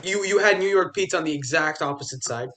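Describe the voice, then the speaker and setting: A man's voice: on the high side, quick pace, a bit bright. A young man co-hosting a casual sports podcast, talking loosely with lots of fillers, restarts and jokey asides. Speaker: podcast co-host.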